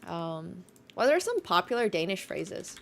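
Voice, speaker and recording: This live streamer, a young woman based in Finland whose native tongue is Mandarin, speaks with a light American accent and a slightly nasal, fairly low, sing-song voice with vocal fry. Chatting casually with her stream audience, she laughs a lot and drops quick asides. A faint hiss or hum sits under the recording.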